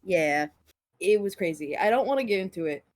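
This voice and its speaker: A woman's voice: mid-range voice, animated, brisk. A woman co-hosting a casual podcast, laughing often and swearing freely as she chats. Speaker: podcast co-host. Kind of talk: casual chat.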